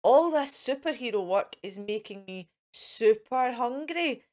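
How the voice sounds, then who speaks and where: Storybook wolf played by a woman: boastful would-be superhero, high and animated, earnest declarations. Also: unhurried. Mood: proud. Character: eager, boastful male cartoon wolf playing superhero.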